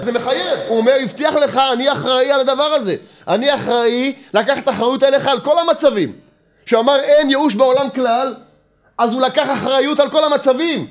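Humor and energy run through this man's Torah teaching. His voice is very high, and he keeps insisting, repeating himself, and asking rhetorical questions.

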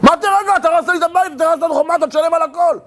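A man acting out an outraged man whose walls were smashed, shouting at the culprit in a high, strained voice. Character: furious man whose house is wrecked.

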